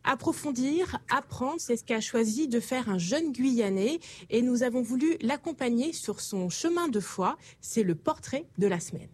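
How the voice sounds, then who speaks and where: A woman hosts a studio talk program, putting clear, polite questions to her guests and introducing the next segments. Her voice sits rather high. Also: lively intonation, moderate pace, a little mellow. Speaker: host. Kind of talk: TV studio presenting.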